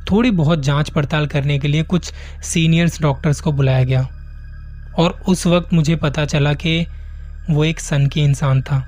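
A man reading a horror story as suspenseful first-person narration, slow and measured. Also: fairly high pitch, darkish tone.

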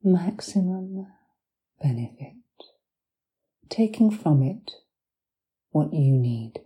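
A woman guiding a hypnosis relaxation in a soft, breathy, soothing voice that drifts into whispers, with deliberate pauses between short phrases. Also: fairly low pitch, expressive. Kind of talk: guided hypnosis meditation, soft and partly whispered.

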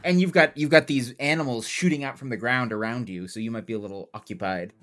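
A man's voice: mid-range voice, quick pace, a bit bright, soft background music. A man running a tabletop game, narrating scenes descriptively and playfully to the players. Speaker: game master.

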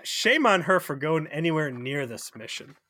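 Casual male co-host, dry close mic, animated retelling, salty language. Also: on the high side, moderate pace, dry recording. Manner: animated, acts out quotes, swears, laughs. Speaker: podcast co-host. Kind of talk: casual chat recapping a TV episode.

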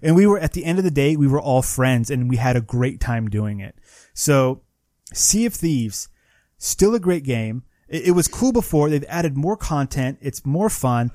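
A man's voice: mid-range voice, lively intonation, normal speed, warm tone, no echo, studio quality. A man co-hosting a gaming podcast, telling a long story in casual chat and acting out the other players' lines. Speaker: podcast co-host.

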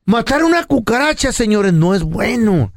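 A man co-hosting a comedy podcast, telling stories in animated, slangy casual chat. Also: sits high, normal speed, no room sound, studio quality. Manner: animated storyteller, slangy Mexican speech. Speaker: podcast co-host.

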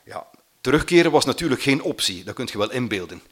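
A man recounts a story from his youth in a plain, mid-pitched voice. He pauses often on fillers, then speeds up as he reaches the tense parts. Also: big pitch swings, a bit bright. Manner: halting, with many fillers, acts out quotes. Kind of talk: personal storytelling.

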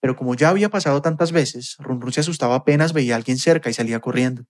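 A man narrating a scripted documentary podcast in a measured, storytelling delivery. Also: mid-range voice. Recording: faint music bed.

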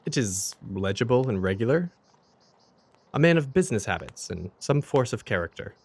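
A man playing a warm-hearted, loyal gentleman doctor in an audio drama, courteous and expressive. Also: medium pitch, normal speed, creaky. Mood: considered.

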